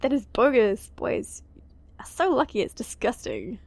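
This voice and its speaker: A woman's voice: on the high side, wildly swooping pitch, a little slow, creaky, no echo, exaggerated voice. A woman voicing a chatty, teasing teenage girl in a visual novel game.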